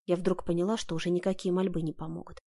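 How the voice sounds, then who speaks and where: A woman's voice: lowish voice, flat delivery, fast, dark tone. A woman narrating a first-person audiobook in a dramatic, emotional reading.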